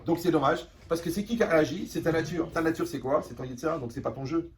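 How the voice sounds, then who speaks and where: French teacher lecturing teens from afar. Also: male voice, a little high, fast. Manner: animated, repeats phrases, asks the class "vous me suivez"; acts out little scenes in quoted voices. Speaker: teacher of a class for teenagers. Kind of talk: lively spoken lesson to a class. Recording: voice from a distance with faint room noise.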